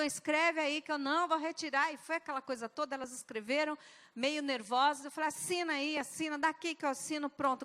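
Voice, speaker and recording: A woman's voice: high-pitched, fairly bright tone. A woman speaking as a guest at a church service, telling a personal testimony in an emphatic, dramatic way with sudden shifts of pace. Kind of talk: testimony told from the pulpit. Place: large church hall. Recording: long church-hall reverb.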